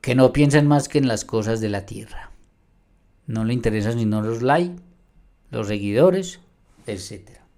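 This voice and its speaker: A man's voice: medium pitch, moderate pace, long pauses, warm tone. A man teaching from the Bible in a video response. He reads verses aloud with emphasis and argues directly with another pastor. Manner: addresses a rival pastor directly.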